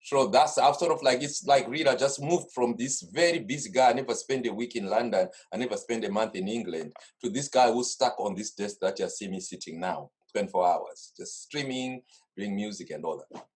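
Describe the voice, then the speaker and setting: A carnival organiser from Zimbabwe, middle-aged and accented, talks casually and at length as a video-call guest, seated at his home studio desk. His husky voice sits on the low side and runs a little fast, and his stories ramble with lots of restarts.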